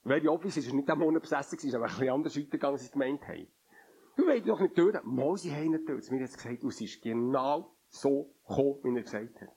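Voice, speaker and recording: A man preaching a sermon in an earnest, pleading way, his phrases often sinking to a quiet murmur. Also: very fast, breathy edge. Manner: earnest, pleading, drops to a low murmur at line ends.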